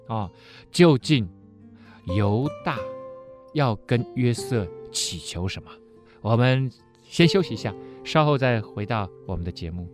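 Animated male Bible program host. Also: medium pitch, a little slow, over music. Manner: animated, dramatizing, conversational. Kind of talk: lively Bible storytelling.

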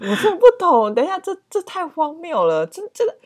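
A woman's voice: sits high, big pitch swings, a little fast. A young woman co-hosting a podcast, teasing her co-host in wry, playful banter. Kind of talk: casual chat.

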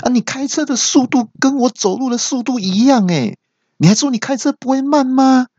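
A man voicing an impatient passerby who complains loudly and sounds fed up. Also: extremely high pitch, animated, moderate pace, husky, no echo, lo-fi sound, voice pushed up, full character voice. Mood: exasperated. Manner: loud and fed up. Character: exasperated man on the street, impatient.

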